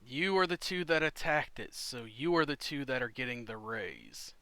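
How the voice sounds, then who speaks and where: Bright-voiced man running the game. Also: mid-range voice, normal speed, no echo. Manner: calm, matter-of-fact rulings. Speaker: game master.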